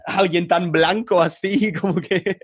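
Man telling stories in halting Spanish. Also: sits high, breathy edge, no echo, clean studio sound. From England. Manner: hesitant, halting, animated anecdote telling. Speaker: podcast guest. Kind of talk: casual storytelling in an interview.

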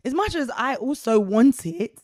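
A woman in her thirties co-hosting a casual faith discussion podcast, chatty and expressive, laughing often. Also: a little high, moderate pace, no echo, studio quality. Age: 30s. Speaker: podcast co-host.

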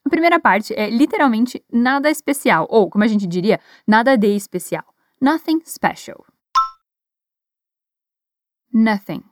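An encouraging woman teacher with a Brazilian Portuguese accent, leading repeat-after-me drills in an English lesson. Her voice sits a little high. The sound is dry and close, and she says each model phrase slowly and carefully. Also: no echo.

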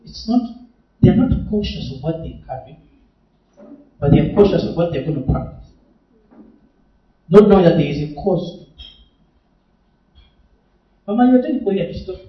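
A man's voice: high-pitched, lively intonation, moderate pace, long pauses, dull audio. A young man preaching at a retreat Q&A, exhorting the audience directly and laughing often. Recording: echoey hall, mic far off.

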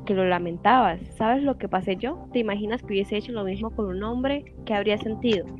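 A woman's voice: medium pitch, brisk, lo-fi sound, music in the background, natural voice. A woman voicing a jealous, bitter wife of fifty who keeps accusing and questioning her husband. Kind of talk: audiobook dialogue reading.

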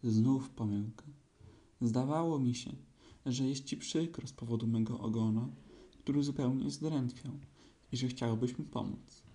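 A man voicing a gloomy, self-pitying old donkey in a storybook reading, talking slowly and sulkily. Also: medium pitch, mellow, natural voice. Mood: mournful. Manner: slow, sulky, complaining.

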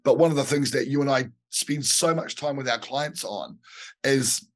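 Casting: male podcast co-host, mid-pitched, halting and repetitive, slightly under the weather. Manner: halting, repeats words while thinking. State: a bit unwell with a bug. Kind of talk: casual business chat.

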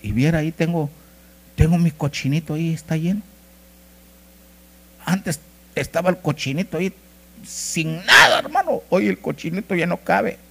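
Male pastor, gravelly voice, lively swooping delivery, loud bursts and hushed asides, folksy jokes. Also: on the high side, moderate pace, pauses often. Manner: folksy, joking storytelling. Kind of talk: sermon.

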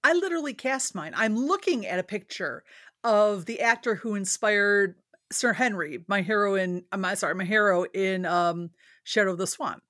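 A woman's voice: medium pitch, moderate pace, no echo, clean studio sound. A woman hosting a podcast and chatting casually with a guest, teasing and laughing often. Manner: laughs a lot, lively teasing. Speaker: podcast host and writer.

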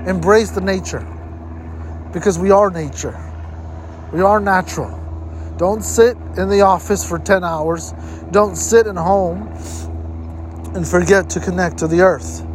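In this motivational health-tips talk to camera, the male host's voice sits high, and he speaks a little slowly with long pauses. He is emphatic, repeating points to drive them home. A slight hiss or hum runs underneath.

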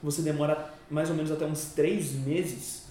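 A man's voice: fairly high pitch, fairly even intonation, normal speed, dark tone, heavy reverb, far from the mic. A man hosting a podcast in casual, slangy chat, often cutting in with short agreements. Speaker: podcast host.

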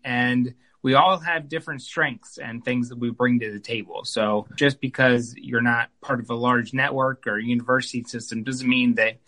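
A man answering interview questions as a guest physician, measured and thoughtful. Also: medium pitch, steady tone, pushed and bright. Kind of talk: conversational interview.

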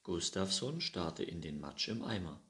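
A man reading a children's story aloud, with a lively, animated manner. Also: deep voice, unhurried. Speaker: narrator.

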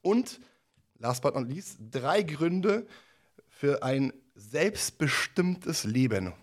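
A man's voice: on the high side, expressive, extremely slow. A man hosting an interview, speaking in a friendly way that rambles a little and often repeats words. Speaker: podcast host, interviewer. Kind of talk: conversational interview.

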